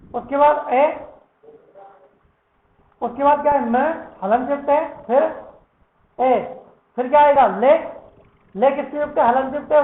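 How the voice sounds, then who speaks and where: A male Sanskrit teacher giving a lesson, who keeps asking questions and answering them himself, and repeats words to drill their pronunciation. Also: very high-pitched. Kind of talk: classroom lesson. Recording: echoey room, tinny phone-like sound.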